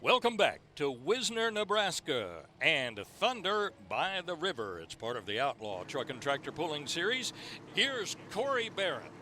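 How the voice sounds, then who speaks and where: This tractor pull announcer has a slightly high voice whose pitch swoops wildly, with a sharp tone at a moderate pace. He presents play-by-play commentary, introducing and recapping, on a noisy outdoor track where engines roar amid the outdoor ambience.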